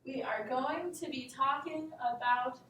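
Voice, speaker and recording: Woman teacher, high voice, slow patient delivery; very echoey room, mic at a distance. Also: a bit bright, slight background noise. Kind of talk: mock classroom lesson.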